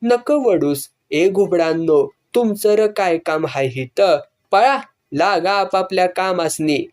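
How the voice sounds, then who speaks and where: A reader voicing a hot-tempered, rough male hunter who scolds in coarse village speech. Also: mid-range voice, expressive, takes it slowly, a little mellow. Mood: gruff.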